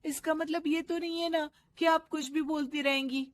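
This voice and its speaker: A woman voicing a meek young daughter-in-law in a cartoon story, with a high, pleading, teary manner. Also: fairly even intonation, moderate pace, no room sound, clean studio sound, lightly acted. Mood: defiant.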